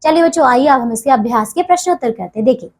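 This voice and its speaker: A woman's voice: high voice, lively intonation, fast talker. A young woman teacher patiently explaining a grammar lesson to children, often checking in with them as she goes. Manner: patient, repeats "dekhiye" and "theek hai" often. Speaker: school teacher.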